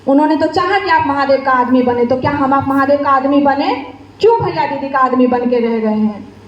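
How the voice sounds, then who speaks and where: A woman with a strikingly high voice preaches an impassioned devotional sermon. She scolds her listeners and keeps firing rhetorical questions at them. Her words ring through an echoey room. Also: fairly quick, highs cut off. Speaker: spiritual speaker. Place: stage before a gathering.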